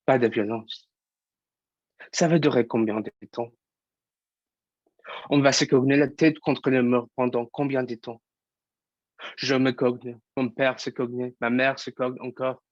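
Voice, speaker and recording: A man's voice: mid-range voice, no room sound, lo-fi sound, lightly acted. A young man, a student actor, performing an impassioned theatre monologue as an angry young actor who fights prejudice. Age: young adult.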